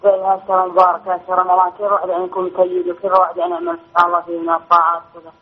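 A woman calling in with a question, halting and searching for her words. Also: lowish voice, gravelly, slightly rough. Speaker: caller. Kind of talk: phoned-in question. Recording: tinny phone line.

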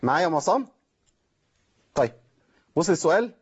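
A man's voice: a little high, sing-song, fast, breathy edge, highs cut off. A man with an Egyptian accent hosting a call-in lesson on Quran recitation, explaining step by step and checking in with listeners. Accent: Egyptian Arabic. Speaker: Quran recitation teacher and host.

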